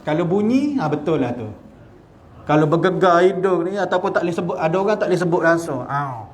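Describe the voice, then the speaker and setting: A man's voice: sits high, animated, quick pace. A man with a Malaysian Malay accent teaching Quran recitation at an evening lecture in a small prayer hall, drawing out letter sounds as he demonstrates them. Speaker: religious teacher.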